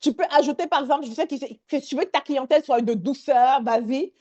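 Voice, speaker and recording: A woman leading a live online workshop, energetic and sprinkling English words into her talk. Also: high-pitched, a little fast, highs cut off.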